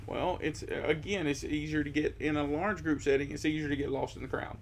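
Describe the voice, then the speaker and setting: Earnest man with a higher voice. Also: fairly even intonation, a little hiss or hum. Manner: earnest, halting, rephrases mid-thought. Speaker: discipleship ministry team member. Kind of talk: conversational podcast discussion.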